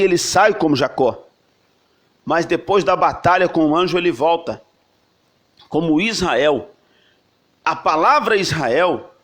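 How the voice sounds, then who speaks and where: High-voiced preacher. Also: male voice, a bit bright. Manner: dramatic storytelling, vivid and emphatic. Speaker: pastor. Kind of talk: sermon.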